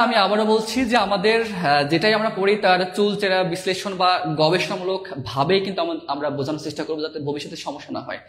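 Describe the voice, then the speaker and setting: A male teacher giving a live exam-prep lesson, reading out viewers' comments and spelling words slowly. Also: sits high, fairly bright tone. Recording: echoey room.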